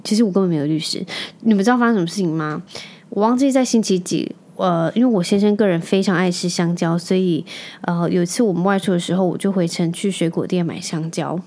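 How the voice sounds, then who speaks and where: A woman's voice: on the low side, fast, a little mellow. A woman, a podcast host and mother telling a story in a chatty, venting way and dropping in English words. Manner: chatty, vents angrily, drops in English words. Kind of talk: casual storytelling monologue.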